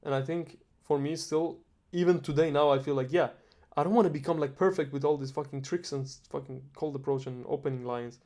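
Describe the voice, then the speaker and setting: A man from Iran in a casual chat, relaxed and rambling, swearing often. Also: on the high side, brisk, hardly any pauses.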